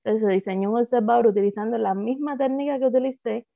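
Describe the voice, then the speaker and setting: A woman in her thirties from Cuba, speaking with a Cuban Spanish accent, presents her doctoral thesis over a video call in a hesitant academic talk full of fillers and restarts. Her voice is a little high, creaky and mellow, with a steady tone and quick pace. The audio is dry and phone-like, with no echo.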